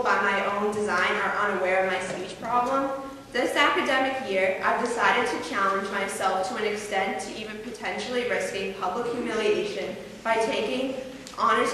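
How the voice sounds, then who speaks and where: A teenage student with a mild stutter gives a prepared, formal speech to an audience, carefully paced with occasional repeated words. Her mid-range, slightly bright voice is picked up from far off in a large hall, with long echo around every word and a faint hiss beneath.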